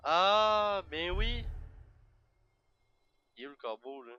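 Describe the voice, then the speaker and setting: A young man giving casual gameplay commentary, excitable and breaking into sudden loud outbursts and cursing. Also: sits high, takes it slowly, clear, resonant tone, dull audio. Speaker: gaming video creator.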